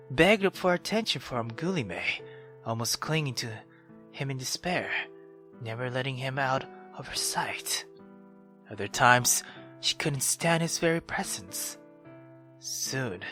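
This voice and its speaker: A man with a medium-pitched voice reads a visual novel aloud slowly and dramatically as he plays. He narrates theatrically and expressively, then drops into casual reactions where he swears freely.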